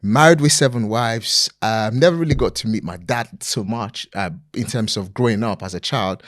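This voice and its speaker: A man's voice: medium pitch, dry recording, clean studio sound. Earnest man in his forties. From Nigeria. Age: 40s. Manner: earnest, motivational, with frequent fillers. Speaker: podcast guest, property investor. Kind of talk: relaxed interview conversation.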